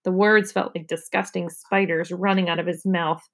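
A woman's voice: on the low side, moderate pace. Woman reading a storybook aloud. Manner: expressive narration. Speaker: teacher reading to students.

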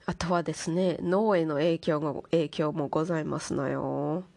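A woman's voice: low-pitched, steady tone, normal speed, vocal fry, mellow. A woman host chatting casually in a monologue, playfully putting on ornate, polite refined-lady speech. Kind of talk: casual monologue talk to listeners.

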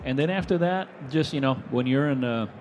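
Soft music plays under a medium-pitched male voice moving a little fast. The speaker, a forty-something Venezuelan guest who makes products, recounts his story on a live expo stage in a rambling, energetic style, voicing the people he quotes.

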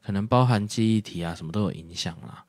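A man's voice: fairly low pitch, fast, a little mellow, no echo, studio quality. A man, co-hosting a podcast and explaining things in a rambling, casual way full of fillers and restarts. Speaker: podcast co-host. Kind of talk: casual chat.

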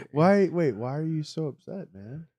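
A man hosting a podcast who talks slowly and teases his co-hosts. He swears freely and breaks into laughter often. His voice sounds close and dry on the mic. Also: a little high, very animated, warm tone, breathy edge, no room sound, muffled recording. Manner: laughs often, profane, teasing. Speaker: podcast host. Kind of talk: casual podcast banter.

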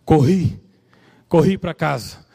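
A man's voice: on the high side, expressive, takes it slowly, vocal fry, warm tone, slightly rough, in a large hall. A Brazilian man preaching a sermon, telling a story animatedly and acting out its dialogue. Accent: Brazilian Portuguese. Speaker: pastor. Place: church.

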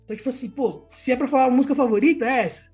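A man's voice: extremely high pitch, racing, darkish tone. A young man with a Brazilian Portuguese accent chats about music in a loose, slangy style. He speaks as a podcast panelist, informally and with the odd swear word. Faint music plays behind him. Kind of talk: casual music discussion.

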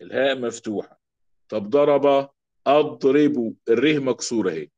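A man with an Egyptian Arabic accent teaching a grammar lesson, slowly repeating example words to drill them. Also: mid-range voice, a little mellow. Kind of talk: classroom lesson. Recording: dull lo-fi recording.

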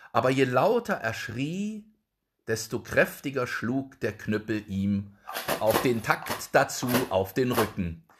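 A man reading a fairy tale aloud in a slow, expressive way. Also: fairly low pitch, husky. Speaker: storyteller.

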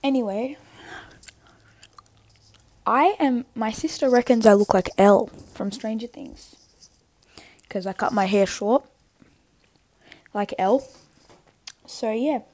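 A young woman with tonsillitis hosts a solo podcast, chatting casually but haltingly as she rambles and cuts herself off. Her voice is on the high side and a little mellow.

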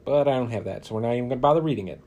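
Playing a card game by himself, a man reads the card text with dramatic flair and chats casually about his moves. His voice is medium-pitched and slightly mellow, and his talk is halting and full of fillers.

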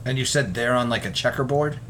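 A man's voice: medium pitch, fairly quick, fairly bright tone, slight background noise. A man talking casually as a player in a tabletop game.

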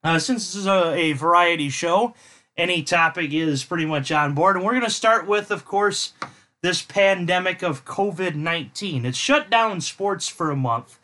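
A man's voice: high-pitched, normal speed, pushed and bright. A man hosting a podcast in casual chat, rambling and jokey as he drifts off on tangents. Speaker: podcast host.

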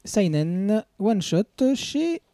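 A man hosts a casual podcast, recorded live in a café. His voice sits high yet sounds very mellow and dark. He jokes freely and stumbles over fillers. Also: big pitch swings, very slow, dry recording. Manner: joking, with many hesitant fillers. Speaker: podcast host.

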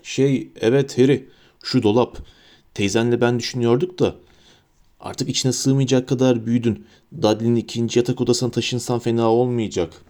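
A man voicing a blustering, bad-tempered middle-aged uncle in an audiobook, gruff and barking. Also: mid-range voice, steady tone, moderate pace, mellow, close to an everyday voice. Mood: curt.

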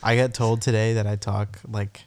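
A young man co-hosting a casual podcast chat. He has vocal fry, and his sentences trail off low and quiet at the end. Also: little pitch movement, moderate pace. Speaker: podcast co-host.

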